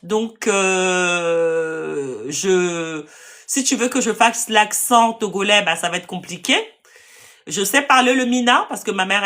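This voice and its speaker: A woman's voice: medium pitch, fairly bright tone. A woman with a Parisian French accent, hosting a live stream to sell land and answering viewer comments in a direct, firm way. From France.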